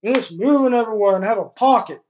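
A man's voice: high voice, lively intonation, fast, a little mellow, a little hiss or hum. A young man giving a casual, blunt video review while talking with chewing tobacco packed in his lip, recorded on a webcam microphone. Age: young adult. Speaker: product reviewer. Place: small bare room indoors. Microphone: webcam microphone at desk distance. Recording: dull lo-fi webcam audio.

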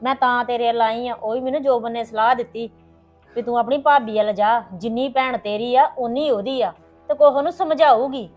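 Playing a worried mother who calls on her sister-in-law and pleads for help, a middle-aged woman speaks at normal speed in a slightly high, darkish voice. Her intonation stays fairly even and close to everyday speech, with faint music behind, in a hobby family drama vlog.

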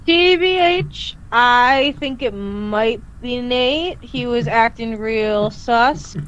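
A woman's voice: a little high, extremely slow, fairly bright tone, clear, resonant tone, dull audio. A woman chatting playfully in a group game, using gamer slang. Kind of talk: casual voice chat.

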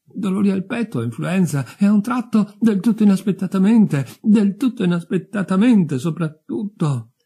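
Man doing a fretful stammering youth, high thin voice, husky. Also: lively intonation, normal speed, warm tone, full character voice. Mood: anxious. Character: nervous young man, newly dead, stammering. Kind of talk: audiobook character voice.

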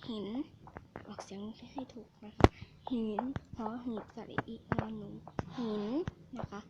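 A woman's voice: mid-range voice, fairly even intonation, measured pace, lo-fi sound. Woman muttering gameplay commentary, noisy recording. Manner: mutters to herself, often in a half-whisper. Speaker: game streamer. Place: at home. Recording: noisy home recording with background hiss.

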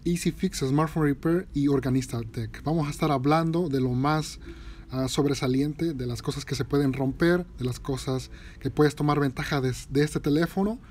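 A man hosting a phone repair channel, chatting informally to his viewers with halting pauses and fillers. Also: fairly high pitch, a little mellow, a little hiss or hum. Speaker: tech repair channel host. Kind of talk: casual chat to viewers.

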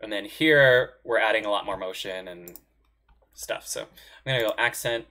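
A man's voice: on the low side, normal speed. A man giving a casual, thinking-aloud tutorial on writing marching band percussion parts, often humming drum rhythms with nonsense syllables. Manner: relaxed, self-deprecating, talks to himself while working. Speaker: music arranger demonstrating notation software.

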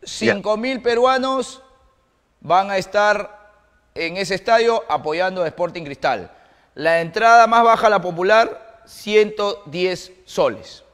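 High-voiced Peruvian man, sarcastic panelist. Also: fairly bright tone, in a large hall. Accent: Peruvian Spanish. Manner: sarcastic, defensive, drawn-out phrasing. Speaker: sports panelist. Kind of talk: heated studio debate.

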